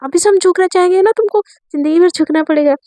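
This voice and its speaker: A woman's voice: very high voice, quick pace, warm tone, dry recording, voice pushed up. A woman voicing a feisty, mocking young woman who teases her rival. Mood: teasing, defiant. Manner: bold, mocking. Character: feisty young woman, bride's sister, teasing.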